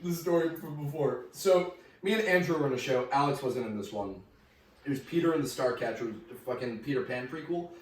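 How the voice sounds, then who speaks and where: A young man in casual chat, chiming in with quick teasing remarks and laughing. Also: mid-range voice. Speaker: podcast co-host. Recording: very echoey room, distant mic, faint noise.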